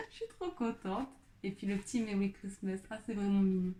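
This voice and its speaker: A woman's voice: mid-range voice, a little fast, warm tone. Chatty French woman gushing over crafts. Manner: chatty, gushing, many fillers and little exclamations. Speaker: craft vlogger. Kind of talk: casual unboxing chat.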